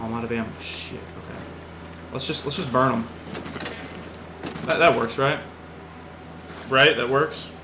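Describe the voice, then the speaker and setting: A man does let's play commentary, excitable and jumpy, swearing often as he plays. His voice sits a touch high for a man. The sound is roomy, with steady background noise underneath. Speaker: gaming video host.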